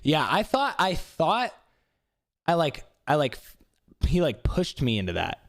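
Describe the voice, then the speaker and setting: A man's voice: on the high side, huge pitch swings, unhurried, vocal fry, no echo, clean studio sound. A young man casually reacting to footage of his own boxing match, swearing often and picking apart his mistakes.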